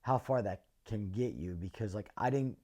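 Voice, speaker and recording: A middle-aged man from North answers interview questions in a measured, earnest way, pausing often with ums. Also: on the low side, darkish tone, slightly rough. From North Philadelphia. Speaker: interviewee, former fighter.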